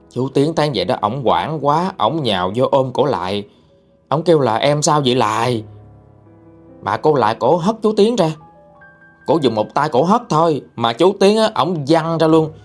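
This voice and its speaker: A man's voice: a little high, big pitch swings, normal speed, faint music behind. Dramatic male storyteller. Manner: chatty, dramatic, addresses listeners directly. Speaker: ghost story narrator. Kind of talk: storytelling narration.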